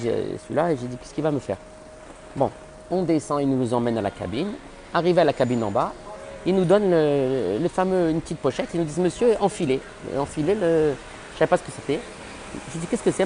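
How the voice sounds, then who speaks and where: A man telling a funny personal story in an animated, exaggerated way, with many restarts. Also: on the high side, slight background noise, poor audio. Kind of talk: comic storytelling monologue.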